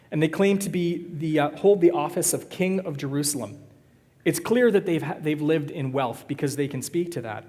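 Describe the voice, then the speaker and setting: A man's voice: a little high, darkish tone. A man preaching a sermon to his congregation, conversational and joking, teasing the crowd between points. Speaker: pastor. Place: church sanctuary. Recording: long reverb of a church hall.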